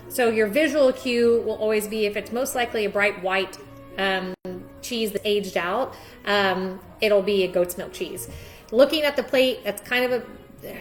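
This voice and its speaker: A woman hosting a live-streamed cheese tasting lesson, chatty with many ums and ready laughter. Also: medium pitch. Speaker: cheese shop host. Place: shop, indoors.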